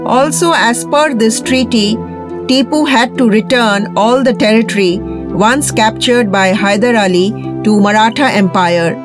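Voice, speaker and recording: A woman's voice: a little high, a little slow. A woman hosting and reading a scripted history narration. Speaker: podcast host. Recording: music bed under the voice. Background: background music.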